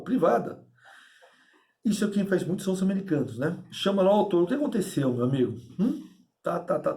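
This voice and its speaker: A man giving a lecture to his class, lively and emphatic, often asking his listeners if they agree. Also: high voice. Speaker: instructor.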